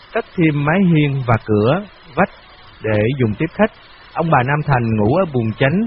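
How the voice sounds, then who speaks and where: A man narrating a novel in a steady, measured way. His voice sits at a medium pitch. The recording is muffled and lo-fi with a faint hiss. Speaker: audiobook narrator. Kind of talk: scripted narration.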